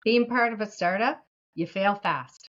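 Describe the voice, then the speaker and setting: A woman guest talking earnestly and reflectively in a casual interview. Her voice sits at an ordinary middle pitch, and it comes through a video call with slightly dull, muffled sound. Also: measured pace, a bit bright.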